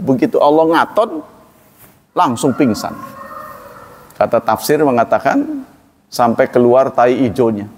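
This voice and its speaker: A middle-aged Indonesian man giving a casual, digressive sermon on Quranic commentary, chuckling now and then and slowly chanting Arabic verses. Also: on the high side, darkish tone, slightly rough. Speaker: Islamic preacher. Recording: long hall reverb.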